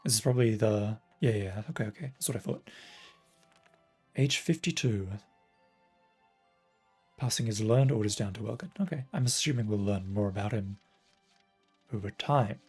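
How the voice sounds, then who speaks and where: A man's voice: lowish voice, moderate pace, pauses often, darkish tone, husky, faint music behind. A man casually commenting on a video game during a live stream, rambling and thinking aloud.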